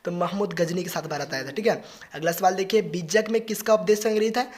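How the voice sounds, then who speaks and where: Fast-talking exam-prep teacher. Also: mid-range voice, darkish tone. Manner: talks fast on purpose, repeating "okay, next question" between answers. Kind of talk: rapid-fire exam question revision.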